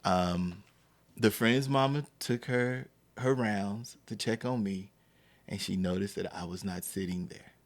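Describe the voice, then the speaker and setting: A man's voice: fairly low pitch, measured pace. A man hosting a podcast, telling a personal story and acting out the quotes. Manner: animated, acts out quotes. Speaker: podcast host.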